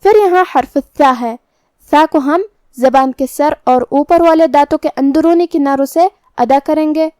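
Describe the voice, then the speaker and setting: A woman's voice: sits high, mellow, no room sound, clean studio sound. A woman teaching Quran recitation rules step by step, explaining how each letter is pronounced in a methodical way. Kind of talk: tajweed lesson, explaining then reciting slowly.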